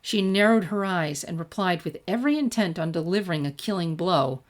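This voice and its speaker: This fan fiction narrator is a woman whose voice sits on the low side, and she moves briskly as she reads the scripted story audiobook-style.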